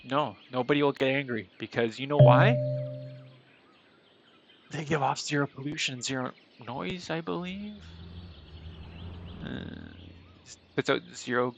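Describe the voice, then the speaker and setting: A gaming streamer with a head cold rambles casually while playing a city-building game, his nasal voice chatty and self-deprecating. He speaks in a mid-range, creaky voice, unhurried and pausing often, with background noise present.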